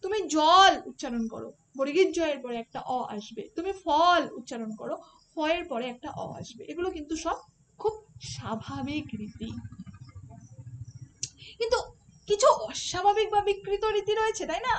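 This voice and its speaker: A woman teaches an online exam-prep class in a fairly high voice. She explains each point step by step and keeps asking rhetorical questions. Faint noise sits under her voice. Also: expressive, moderate pace, fairly bright tone.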